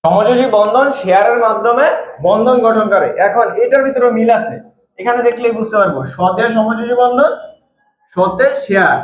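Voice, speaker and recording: Guy teaching chemistry at a board, high voice, keeps asking the class if it's clear, roomy muffled sound. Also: moderate pace. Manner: repeats key points, asks class questions. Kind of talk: classroom lecture. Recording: echoey room, dull lo-fi sound.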